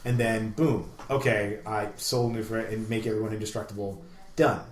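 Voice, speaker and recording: In casual podcast chat, this co-host talks in a lowish, level voice at a fairly quick clip, enthusiastic and rambling. There's slight background noise, and the room sounds roomy and echoey.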